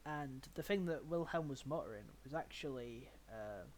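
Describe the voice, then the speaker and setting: Rambling young game master. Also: male voice, medium pitch, animated, normal speed, darkish tone, slight background noise. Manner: rambling, filler-heavy, laughs at his own narration. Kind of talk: narrating a tabletop game.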